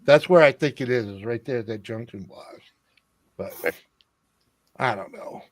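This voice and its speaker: A man's voice: medium pitch, unhurried, no echo. A man hosting a casual livestream, rambling along and swearing freely in a dry-sounding space.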